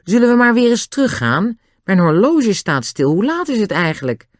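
A narrator plays Julian, a sensible older boy given to earnest questions, using a very animated mid-range voice pitched above his own yet close to everyday speech. The pace is normal and the mood casual, with clean studio sound and no room tone.

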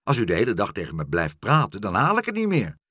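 A man voicing a brash, impatient male seagull with a wooden leg, shouting in a storybook reading. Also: extremely high pitch, animated, unhurried, no echo, studio quality, voice pushed up, exaggerated voice. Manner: shouting, hasty.

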